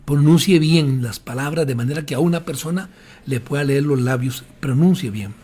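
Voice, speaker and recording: A man's voice: mid-range voice, moderate pace, a little mellow, husky. A man teaching fellow pastors how to use the voice in preaching, giving direct advice in a didactic manner with frequent fillers. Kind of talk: instructional lecture to pastors. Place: speaking while drinking water during a talk.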